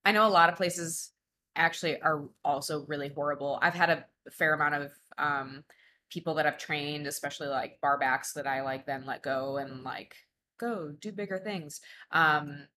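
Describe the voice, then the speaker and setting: A woman's voice: low-pitched, fairly even intonation, moderate pace, bright, forceful tone, a little hiss or hum. A young woman hosting a casual interview chat, talking loosely with many fillers and easy laughs. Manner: chatty, laughs easily, lots of fillers. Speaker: podcast host and bartender.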